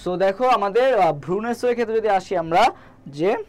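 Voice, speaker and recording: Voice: medium pitch, lively intonation, fairly quick. A biology tutor with a Bangladeshi Bengali accent, teaching a live online class and asking questions that they answer themselves. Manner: quizzing, asks and answers own questions; reads viewer names from comments.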